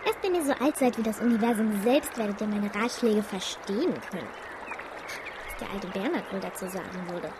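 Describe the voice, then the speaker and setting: A woman's voice: a little high, a little fast, hardly any pauses, noisy background, natural voice. A woman playing a tiny, boastful bunny who claims to be a mean dragon in a fantasy audio drama, pompous and indignant. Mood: haughty.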